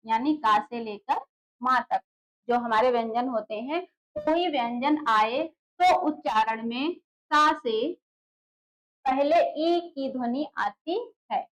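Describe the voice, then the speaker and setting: Woman, high-pitched voice, exam-prep teacher, board lesson, patient explaining, repeats key words, rhetorical questions. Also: takes it slowly, fairly bright tone, rough recording. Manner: asks rhetorical questions then answers them. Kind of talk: classroom lecture at a board.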